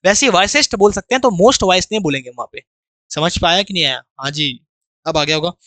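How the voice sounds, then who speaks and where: A man's voice: high-pitched, animated, bright, forceful tone, dry recording. A man teaching a grammar lesson for exam preparation, reading each sentence out word by word and then explaining it. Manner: explains slowly, reads English sentences word by word then explains them. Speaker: English teacher.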